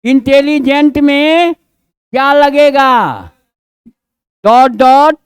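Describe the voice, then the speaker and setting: A man's voice: extremely high pitch, steady tone, very slow, no echo. A male grammar teacher with a Bihari Hindi accent, teaching a class in a homely, colloquial way and keeping students engaged with questions and checks. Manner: homely, colloquial scolding and coaxing. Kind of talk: classroom lesson.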